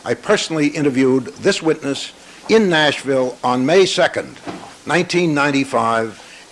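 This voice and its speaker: A man serving as defense attorney, arguing formally and deliberately to the bench, heard in a courtroom recording. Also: mid-range voice, slight background noise, rough recording. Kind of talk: courtroom argument.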